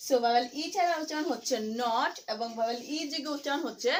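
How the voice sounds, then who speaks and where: A woman from Bangladesh, teaching English pronunciation by spelling out letters and repeating each word slowly. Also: high-pitched, a little hiss or hum, rough recording. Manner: slow, deliberate spelling and repetition.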